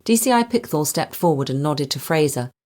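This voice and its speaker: A woman reads a crime novel aloud with measured, even storytelling. Her voice sits remarkably low for a woman. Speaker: audiobook narrator. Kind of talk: scripted narration.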